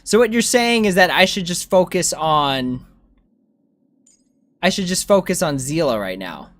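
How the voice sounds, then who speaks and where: At a measured pace and medium pitch, a game livestreamer chats casually, thinking things through aloud. They reply to viewers informally and react to chat with animation.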